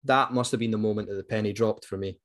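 A man's voice: on the low side, fast talker. A man with a Scottish accent telling anecdotes in a casual co-host chat, readily acting out what people said. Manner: animated retelling, acts out quoted speech. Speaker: book club podcast co-host.

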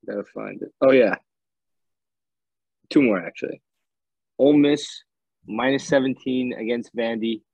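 A man's voice: medium pitch, measured pace, long pauses, a little mellow, no echo, low-quality recording. Laid-back man making betting picks. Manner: laid-back, rambling, clears throat. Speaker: podcast co-host making college football picks. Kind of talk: casual sports betting chat.

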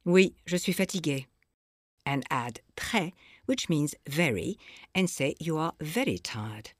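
Slow, low-voiced woman teaching French. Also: lively intonation. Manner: slow, clear teaching delivery with pauses for repetition. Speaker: language course narrator. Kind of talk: scripted audio lesson narration.

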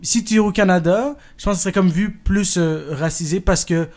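A man's voice: high voice, fairly quick, a little mellow. A man playing a pompous male producer with a put-on Japanese accent, lecturing in a mock-formal way and stumbling over his words in a comic podcast bit.

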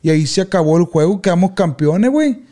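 Young man, high voice, dark mellow tone, slangy animated storytelling. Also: fast talker. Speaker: podcast co-host. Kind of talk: casual storytelling chat.

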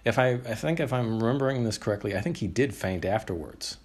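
A man's voice: mid-range voice, expressive, fast. A man hosting a podcast, sharing his research in a casual, thoughtful way. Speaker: podcast host. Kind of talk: casual chat.

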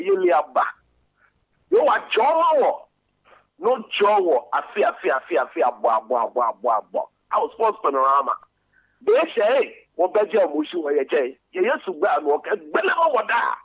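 A man's voice: high-pitched, fairly bright tone, husky, no echo. A man calling in to a sports radio show, chanting and exclaiming as he switches between languages. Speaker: pundit calling in. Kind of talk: animated phone-in chant. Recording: muffled phone line.

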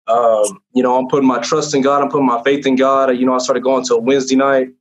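Heard through a dull, lo-fi recording, this young man talks fast in a level, medium-pitched voice. He's relating his personal testimony casually, earnestly rambling and often restarting or filling pauses.

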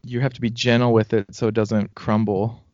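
A man chatting casually while watching a TV show, with quick questions and sarcastic commentary. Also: mid-range voice, little pitch movement, darkish tone, no echo. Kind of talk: casual chat. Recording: dull lo-fi dry sound.

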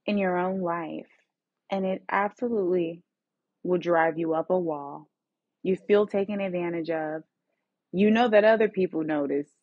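Husky-voiced woman coaching listeners. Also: fairly low pitch, darkish tone, no room sound, lo-fi sound. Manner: earnest, coaching, asks many questions. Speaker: therapist and podcast host. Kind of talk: solo podcast talk.

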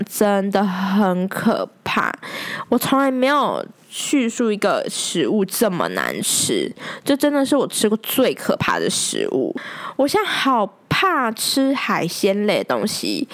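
A young woman with a Taiwanese Mandarin accent, hosting a podcast and telling a story in a chatty, dramatic, exaggerated way. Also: mid-range voice. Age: young adult. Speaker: podcast host. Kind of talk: casual storytelling chat.

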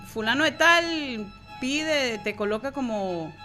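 A woman co-hosting a casual live-stream chat, playful and quick to laugh. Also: high voice, expressive, bright, forceful tone, soft background music. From Venezuela. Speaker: co-host.

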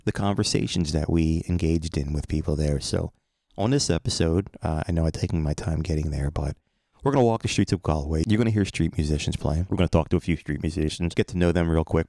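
Deep, gravelly American man, podcast host. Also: quick pace, hardly any pauses, warm tone, no room sound, studio quality. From United States. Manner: conversational, earnest. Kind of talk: casual reflective monologue.

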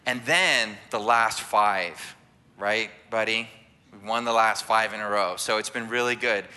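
A man's voice: fairly low pitch, fairly even intonation, unhurried, sharp tone. A man leading a church sermon as families ministry director, preaching conversationally and often asking "right?" to draw in listeners. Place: church sanctuary.

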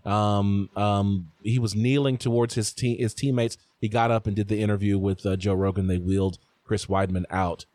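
A man's voice: fairly low pitch, normal speed, hardly any pauses, no echo. A man hosting a casual sports podcast, leading the chat and telling stories with restarts. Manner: animated, talks through stories with restarts. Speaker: podcast host.

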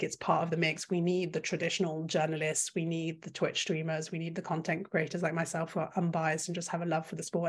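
A content creator whose first language is French speaks in a lowish voice as a guest in a conversational interview. She's opinionated and emphatic, and she often restarts her sentences.

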